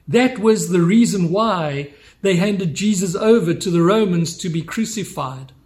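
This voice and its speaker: A man preaching a sermon, slow and measured, building on repeated rhetorical questions. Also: high voice, darkish tone.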